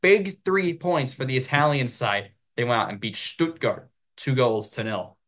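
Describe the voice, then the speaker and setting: An American man hosting his own sports show, giving solo commentary and ranting in an animated way. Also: medium pitch, measured pace.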